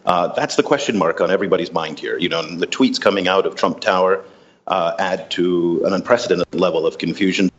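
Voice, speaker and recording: A man in his forties, a TV reporter calling in from Asia, giving measured commentary with frequent "you know" fillers over a remote line that keeps breaking up. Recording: muffled, reverberant remote line, faint rumble.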